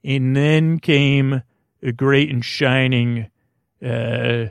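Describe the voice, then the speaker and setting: A sleep podcast host delivers a rambling bedtime-story monologue meant to help listeners drift off, gently silly and soothing. His medium-pitched voice has a gravelly creak and little pitch movement, and he meanders, halts, trails off mid-word and circles back, with no echo in the recording.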